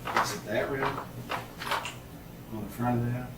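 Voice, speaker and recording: A man's voice: mid-range voice, steady tone, fairly quick, creaky. Male detective asking probing step by step questions, far from the mic, echoey room. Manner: methodical, repeats answers back, probing. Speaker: police interrogator. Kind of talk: questioning in a police interview. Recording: echoey room, distant mic, heavy noise.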